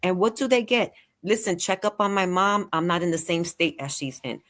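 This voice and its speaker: A woman guest with a somewhat low voice pitches her services in an interview. She is animated and fires off rhetorical questions. Now and then she deliberately slows her delivery to calm the pace. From Latin American heritage. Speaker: guest, care and virtual assistant business owner. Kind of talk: persuasive interview talk.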